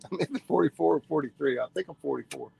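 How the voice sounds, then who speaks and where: A man's voice: fairly high pitch, brisk, vocal fry, a little mellow, poor audio. A man in his forties hosting a fishing livestream from a boat, chatting casually and reading viewer comments. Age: 40s.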